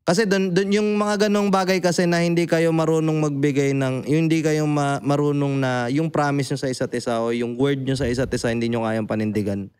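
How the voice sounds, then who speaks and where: A young adult man hosting a casual podcast chat, animated and blunt, swearing freely and often asking "di ba?". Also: on the high side, brisk, few pauses, clear, resonant tone. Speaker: podcast host.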